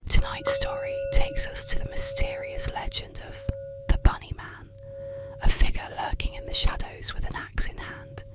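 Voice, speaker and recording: A woman narrates in a breathy, fully whispered ASMR voice, as if telling a bedtime story. Her delivery is slow, hushed and soothing, in the manner of a sleep and ear-cleaning ASMR recording.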